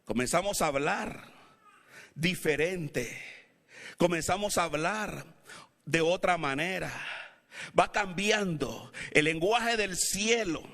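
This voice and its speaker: A pastor with a non-Mexican Latin American Spanish accent delivers a sermon in a church sanctuary, alternating calm teaching with shouted appeals to the congregation. He goes slowly with long pauses, his bright, edged voice pitched high for a man, each phrase followed by a long hall reverb.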